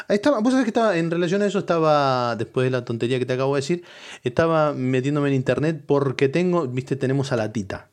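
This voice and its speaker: Middle-aged man, Rioplatense accent, mid-pitched voice, crude rambling stand-up monologue. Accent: Rioplatense Spanish. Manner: crude, rambling and conspiratorial, with sudden loud outbursts. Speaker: comedian. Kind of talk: comic monologue.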